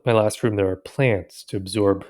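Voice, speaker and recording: A man's voice: lowish voice, steady tone, moderate pace, a little mellow. A man co-hosting a casual film-review podcast, recorded in a bare room with nothing on the walls, so his voice echoes like a cave. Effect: echoey bare room that sounds like a cave. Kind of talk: casual chat.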